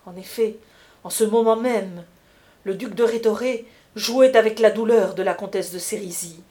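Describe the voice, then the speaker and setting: A woman narrating a classic novel as an audiobook, in a measured, literary manner. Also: mid-range voice, dark tone.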